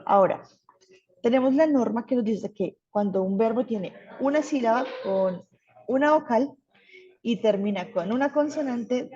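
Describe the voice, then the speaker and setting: A woman's voice: a little high, warm tone, muffled recording. A woman teaching an English grammar class, patient and checking in often with her students. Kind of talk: online class explaining grammar.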